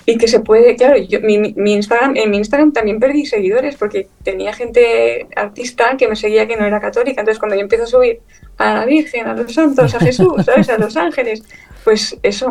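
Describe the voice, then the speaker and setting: Woman from Chile, interview guest; a bit high-pitched, emotional, chatty storyteller, slightly off-mic. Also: recorded from a distance, poor audio. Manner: emotional, animated storytelling with many fillers and laughs. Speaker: guest, illustrator. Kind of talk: conversational interview.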